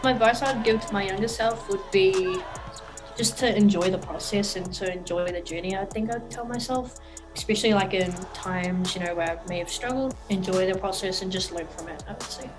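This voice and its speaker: A young woman raised between New Zealand and Australia, who plays college basketball, answers interview questions casually and with lots of fillers. Her voice is medium-pitched and a little quick, with music playing behind her.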